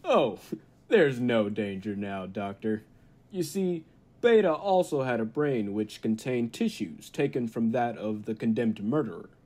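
Here the confident laboratory scientist of an old-time radio play speaks in a mid-range, expressive, slightly slow and mellow man's voice. Eager and unflinching, he lays out his explanations dramatically, earnest with an ominous edge.

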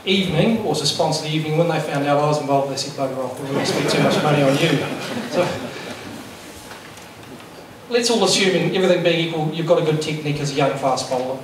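A middle-aged man presenting to a workshop as a fast bowling coach, candid and self-deprecating, speaking into a handheld microphone in a lecture room. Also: a little high. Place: large lecture room with projector. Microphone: handheld mic. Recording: echoey room, distant sound, faint noise.

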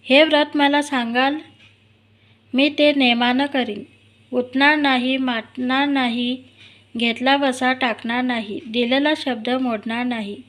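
A woman's voice: high-pitched, steady tone, slow, fairly bright tone. Woman voicing a timid palace maid. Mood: pleading. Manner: anxious, pleading.

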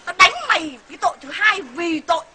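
A woman plays a coarse, bullying husband who yells and threatens without pause. The voice is very high and swings widely in pitch. It races along over loud background noise. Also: lively intonation. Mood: ranting. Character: bullying, shouting husband of middle age.

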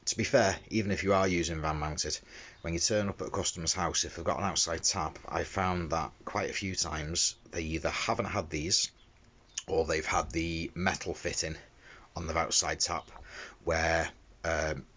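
A middle-aged window cleaner demonstrates a fitting in an informal, hands-on talk, recorded by handheld phone within a small closed-in space. He speaks at a moderate pace in a low, slightly bright voice with fairly even intonation. The audio is dull, with noise in the background.

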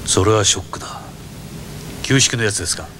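A middle-aged voice actor dubs film characters in a stern, commanding and often menacing way, with dramatic acting. His voice is lowish and brisk, against a noisy background.

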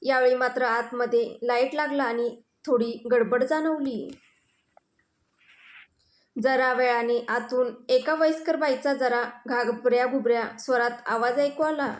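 A woman's voice: on the high side, steady tone, a little slow. A woman narrating an emotional story in an earnest, heartfelt way.

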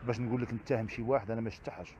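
A man with a Moroccan Arabic accent, answering interview questions as a father, halting and repeating the same phrases. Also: medium pitch, fairly even intonation, warm tone, highs cut off, slight background noise. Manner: repetitive, halting, keeps circling back to set phrases. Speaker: interview guest, father seeking custody.

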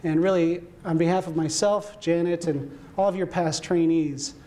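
A man, about in his forties, giving a heartfelt tribute speech at a conference, measured and slowing down to stress his words. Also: on the high side, steady tone, mellow. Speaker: speaker. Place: conference hall.

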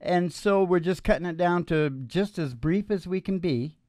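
Over acoustic guitar picking on a small curtained indoor stage, a man in his sixties, a musician and show host, speaks into a close stand mic. His high, slightly mellow voice runs at normal speed in clean studio sound without echo, his meandering, folksy banter drifting into trailing asides.

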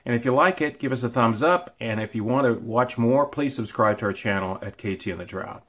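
A man's voice: mid-range voice, a little fast, a bit bright. A man giving an upbeat scripted introduction to his podcast as co-host. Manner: upbeat, promotional.

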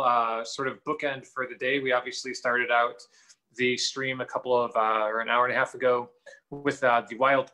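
Man, host, chatty, fillers, bright tone, video call. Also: mid-range voice, rough recording. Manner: upbeat, chatty, many fillers. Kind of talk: hosting a virtual talk show.

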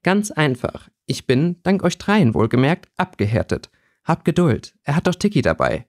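A man doing a calm, teasing young woman. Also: on the high side, moderate pace, no echo, studio quality, full character voice.

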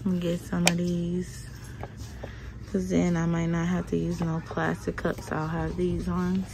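Browsing a big store indoors, a thirtysomething woman records a shopping vlog on her handheld phone, murmuring casual commentary mostly to herself. She speaks at a measured pace in a fairly low, completely flat voice with vocal fry. Background noise includes loud store sounds and rustling packaging.

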